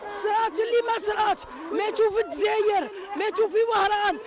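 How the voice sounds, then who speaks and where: A middle-aged woman with an Algerian accent, crying angrily and shouting in grief into a news microphone outdoors. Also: extremely high pitch, quick pace. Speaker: bereaved mother at a protest. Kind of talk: impassioned outcry to a news microphone. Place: outdoors in a crowd. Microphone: handheld news microphone. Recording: loud crowd noise, outdoor street recording.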